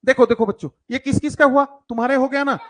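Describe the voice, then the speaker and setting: A coaching teacher for school entrance exams teaches children math in a live online class, coaxing and teasing his pupils while mixing English terms into his speech. His voice is very high and his tone steady, and he talks fast.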